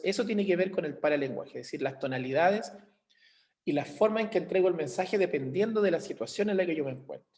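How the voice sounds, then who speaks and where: A man's voice: a little high, a little mellow. A man with a Chilean accent teaching an online class, explaining with everyday examples and checking in with his students. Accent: Chilean Spanish. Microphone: computer mic on a video call.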